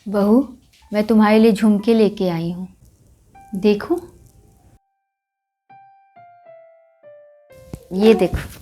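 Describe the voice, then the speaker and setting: A woman playing a tired, kind-hearted older mother-in-law in a family drama, speaking wearily and gently. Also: mid-range voice, steady tone, measured pace, faint music behind, close to an everyday voice. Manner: weary, kind, pleading.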